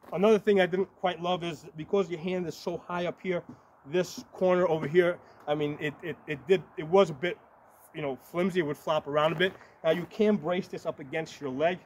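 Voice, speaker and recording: Here a forties-aged medieval combat fighter shows off shields outdoors, talking casually and explaining each step while frequently tossing in "right?" or "okay?". His voice runs on the high side. Recorded by a camera a few metres away on a gravel yard by woods, the audio is noisy.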